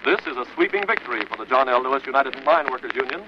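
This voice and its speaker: A man's voice: mid-range voice, animated, fast talker. An American man reading a formal, declamatory 1940s radio newscast in an old newsreel manner. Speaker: radio news announcer. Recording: noisy, muffled 1940s radio broadcast. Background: loud radio noise.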